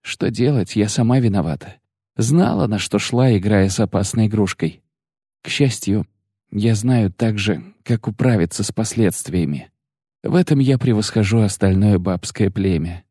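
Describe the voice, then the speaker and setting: A man reading an audiobook, voicing a proud, sharp-tongued sorceress who speaks with biting, bitter mockery. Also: on the low side, moderate pace, husky, dry recording, clean studio sound. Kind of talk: audiobook character voice.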